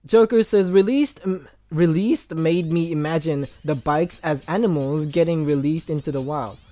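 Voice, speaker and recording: A man hosting a casual livestream, reading viewer comments aloud in an animated, jumpy voice with frequent laughs, on a desk mic. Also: moderate pace. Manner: animated, jumpy pitch, laughs often, talks straight to chat. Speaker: livestream host. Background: background music playing.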